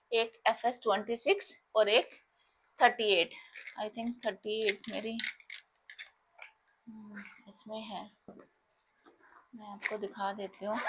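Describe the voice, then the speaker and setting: A woman's voice: on the high side, a little hiss or hum. A young Indian woman, a makeup artist, talking casually and explaining her products step by step to viewers.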